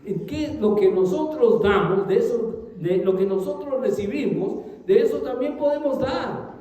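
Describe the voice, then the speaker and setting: A man preaching a sermon to his congregation, reading scripture aloud and swinging between raised calls and low, trailing phrases. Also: animated, moderate pace, dark tone, far from the mic. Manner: addresses congregation as brothers, reads scripture aloud. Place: large echoey hall. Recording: very echoey hall, long reverb.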